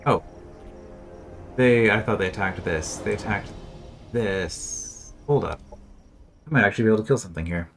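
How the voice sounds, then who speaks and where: A man's voice: lowish voice, normal speed, long pauses, a bit bright, faint music behind. A man casually commenting on a strategy game as he plays, thinking aloud with dry sarcasm. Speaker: gameplay commentator. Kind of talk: casual let's-play commentary.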